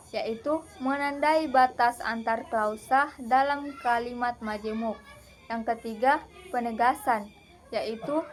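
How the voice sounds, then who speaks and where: Young woman reading a phonology lesson. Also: a little high. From Indonesia. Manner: measured, deliberate reading with pauses. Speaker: student presenter. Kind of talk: read-aloud lesson presentation.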